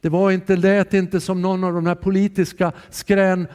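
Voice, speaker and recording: Male preacher, higher-pitched, earnest sermon delivery, long church reverb. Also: clean tone. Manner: calm, earnest, shifting between soft and raised voice.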